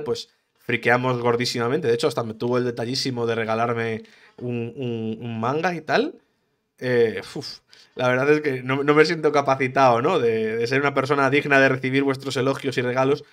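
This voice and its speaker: A man talks through a solo podcast episode in a loose, rambling way. His voice sits at an ordinary middle pitch. He trips over his words, restarts phrases and swears freely as he chats. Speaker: podcast host, gaming streamer. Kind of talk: casual solo podcast monologue.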